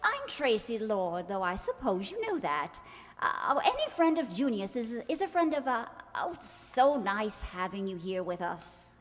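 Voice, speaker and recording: In a radio play of a 1940s screwball comedy, a woman with a medium-pitched, sing-song voice plays a haughty, sharp-tongued society bride acting the gushing hostess. Her measured delivery is grand, affected, gushing and arch, recorded on a reverberant hall stage with faint music behind.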